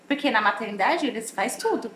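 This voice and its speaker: Woman podcast host, fast lively storytelling, highish voice, echoey room, faint ambience. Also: slight background noise. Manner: animated storytelling, often acting out her own past words. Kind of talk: casual podcast conversation.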